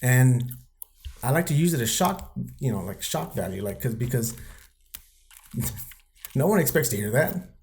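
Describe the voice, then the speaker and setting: A man's voice: mid-range voice, expressive, measured pace, long pauses, darkish tone, a little hiss or hum. A man in a casual podcast chat, telling candid stories laced with profanity and acting out what people said. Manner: acts out quoted people mid-story.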